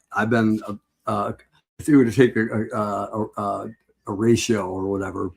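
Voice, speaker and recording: A middle-aged man with a husky voice, rambling with restarts as he reminisces in a casual chat. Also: on the low side, darkish tone. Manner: rambling, with frequent restarts and laughs.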